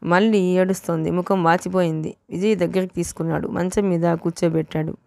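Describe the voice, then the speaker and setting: Woman audiobook narrator, steady and low, dry close recording. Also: brisk, vocal fry, dry recording. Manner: steady storytelling. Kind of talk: novel reading.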